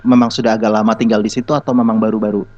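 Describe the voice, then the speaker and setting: A man's voice: fairly low pitch, flat delivery, very fast, a little mellow. Attentive male interview host, lo-fi sound. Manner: attentive, frequent short acknowledgements. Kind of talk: casual interview. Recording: dull lo-fi sound.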